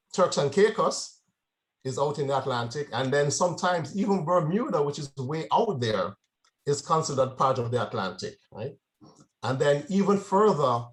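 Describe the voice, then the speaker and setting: A club hears an informal presentation from a Jamaican man whose mid-range voice has a bit of brightness. He keeps things conversational and often turns to the audience with a quick "right?"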